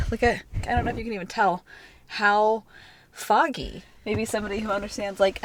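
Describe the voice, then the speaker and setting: A woman's voice: mid-range voice, a little hiss or hum. A young woman vlogging in a casual, chatty, rambling way, filling her talk with "like". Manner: chatty, rambling, filler "like" throughout. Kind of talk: casual vlog chat.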